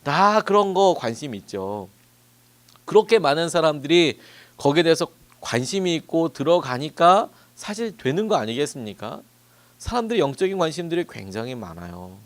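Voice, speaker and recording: A man's voice: fairly high pitch, big pitch swings, normal speed. A man preaching a dawn-service sermon as a pastor, telling stories in a conversational way. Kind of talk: sermon at a dawn prayer meeting.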